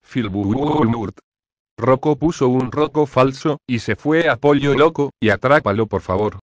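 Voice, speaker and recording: Casting: male TTS voice as a formal strict teacher, mid-pitched, dry sound. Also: a little slow, no echo, highs cut off, natural voice. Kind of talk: text-to-speech cartoon fan video.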